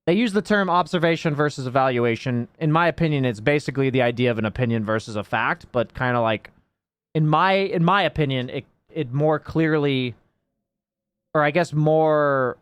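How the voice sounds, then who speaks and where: A young man speaking with a slightly high voice, recorded dry and close with no room sound. He explains things to his viewers in a loose, rambling way. He keeps restarting and fills his sentences with "like.". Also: clear, resonant tone, dry recording. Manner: rambling, filler-heavy, reflective explaining. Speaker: Dota coach and streamer. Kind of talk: casual chat to stream viewers.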